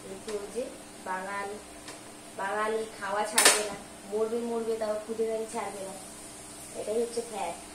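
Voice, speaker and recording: In a casual home cooking vlog, a chatty middle-aged woman talks in a rambling, rushed way, owning up to hurrying and mixing up words; her mid-range voice keeps a level tone. Her husband holds the camera some distance off, giving a roomy, distant, noisy home recording.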